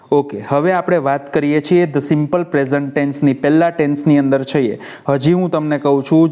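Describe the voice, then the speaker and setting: A man's voice: fairly high pitch, warm tone. A man with a Gujarati accent teaching English grammar in a video lesson, drilling students with repeated questions and answers. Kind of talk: classroom-style video lesson.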